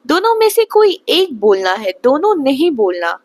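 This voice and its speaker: A young woman from Bihar teaching spoken English slowly and patiently, often checking whether the listener has understood. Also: high voice, big pitch swings, no room sound. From Bihar, India. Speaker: English tutor.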